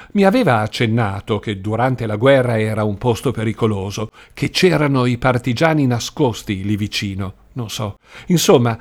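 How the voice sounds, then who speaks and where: A man narrating a first-person story in a steady, storytelling manner. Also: mid-range voice. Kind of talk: audiobook narration. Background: soft guitar music.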